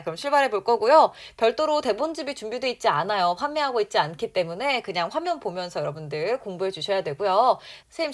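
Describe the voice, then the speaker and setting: A woman teacher runs an online language lesson with a lively, swooping voice. She coaxes her viewers with frequent questions. She reads practice lines slowly and clearly. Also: mid-range voice. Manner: animated, coaxing, asks the viewers questions. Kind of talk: online lesson explaining drama dialogue.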